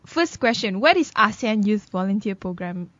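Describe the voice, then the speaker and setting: A woman's voice: medium pitch, lively intonation, moderate pace, a bit bright. A woman hosting a radio talk show, chatty and teasing, laughing easily with her guests. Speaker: radio host. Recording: slightly dull lo-fi studio audio.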